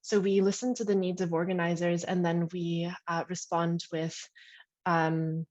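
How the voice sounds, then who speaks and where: A woman's voice: on the low side, level tone, darkish tone. A woman presenting as co-host at a bilingual online event, speaking over a video call. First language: English. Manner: halting and searching when speaking French. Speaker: co-director of an activist hub, event co-host. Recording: dull, lo-fi video call audio.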